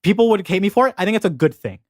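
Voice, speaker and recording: A young man co-hosting a podcast, chatting excitedly about a video game, swearing freely. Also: high voice, dry recording, studio quality. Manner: excitable, swearing, fast and animated. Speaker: podcast co-host. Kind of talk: casual gaming chat.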